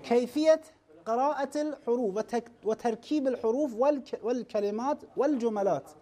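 A dark-toned, medium-pitched teacher lectures a classroom, frequently stopping to ask students questions. The delivery halts, words get restarted, and term lists are spelled out slowly, punctuated by rhetorical questions and a checking "ha?"

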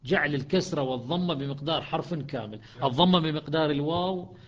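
A man with an Iraqi accent teaching a class on Quran recitation, patiently explaining and slowing down to recite verses. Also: fairly high pitch. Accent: Iraqi Arabic. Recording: dull lo-fi recording.

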